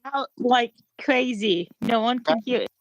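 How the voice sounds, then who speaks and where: Playful high-voiced woman gamer. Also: unhurried, lo-fi sound. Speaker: player. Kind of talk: casual tabletop game chat. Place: online voice call.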